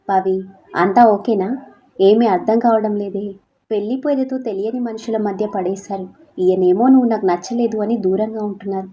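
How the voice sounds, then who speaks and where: Brief: a woman doing a wounded young wife in an audio story, mellow low-key tone, quietly resolute, slightly dull audio. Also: a little hiss or hum, lightly acted. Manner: soft, tearful, turning resolute. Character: young wife, hurt but standing firm.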